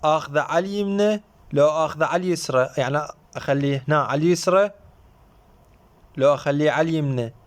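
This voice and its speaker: Iraqi-accented man lecturing, slightly high voice. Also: fast, pauses often, clear, resonant tone. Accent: Iraqi Arabic. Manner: repetitive, checks in with rhetorical questions; mixes English terms into explanation. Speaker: university lecturer. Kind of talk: recorded phonetics lecture.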